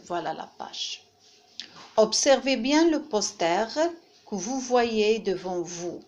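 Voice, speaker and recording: A woman's voice: mid-range voice, darkish tone, muffled recording. A woman teacher giving a reading lesson to young children, patiently repeating each word and splitting it into syllables. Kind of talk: French phonics lesson for children.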